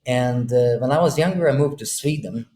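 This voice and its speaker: This speaker, a man in his thirties from Bosnia, talks at a normal speed in a warm, mid-range voice. Joining a podcast by video call from a room with a window, he works through his ideas conversationally, restarting often and using many fillers, over roomy audio carrying a faint hum.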